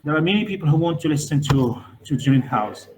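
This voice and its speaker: A man moderating an online lecture over a video call, halting and repeating himself as he hands out the floor. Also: a little high, expressive, a little mellow, slight background noise, low-quality recording.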